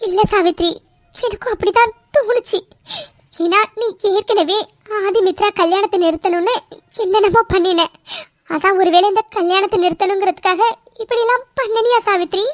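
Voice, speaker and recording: A woman voicing a gentle, dutiful young daughter-in-law in a cartoon, soft and consoling. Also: very high-pitched, moderate pace, no echo, clean studio sound. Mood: questioning. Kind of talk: cartoon voice acting.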